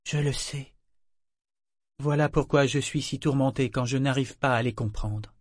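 A man voicing a gentle, troubled young woman bead maker in an audiobook, speaking softly, slowly and searchingly. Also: mid-range voice, no room sound, studio quality, close to an everyday voice. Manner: soft, slow and searching.

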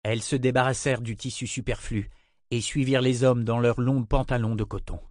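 A man reading an audiobook in an even, measured manner. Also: medium pitch, dry recording, clean studio sound. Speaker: audiobook narrator. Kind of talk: scripted narration.

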